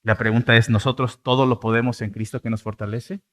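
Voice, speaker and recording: A man with a Mexican Spanish accent preaching a sermon as pastor, swinging from loud, rising outbursts to soft, low endings. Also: level tone, brisk.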